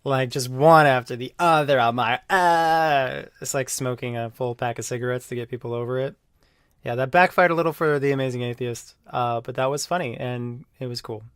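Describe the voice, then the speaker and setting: A man talking casually on his video channel, rambling with lots of fillers and jumping into loud mocking voices when he quotes people. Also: medium pitch, steady tone, brisk, clear, resonant tone, no echo, studio quality. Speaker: YouTuber. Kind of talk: casual monologue.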